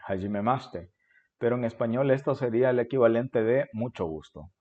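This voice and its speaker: In narrow, tinny audio, a man with a mid-range voice speaks at a moderate pace while patiently explaining a beginner lesson. He teaches Japanese, is in his forties, comes from Honduras with a Honduran Spanish accent, and often asks "ok?" to check in.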